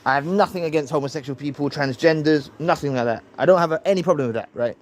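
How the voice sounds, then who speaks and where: Guy ranting on his vlog, kinda high voice, preachy, keeps saying right?. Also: fast talker. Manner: preachy, repeats phrases, ends points with "right?". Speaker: vlogger responding to another video. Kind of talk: heated commentary monologue.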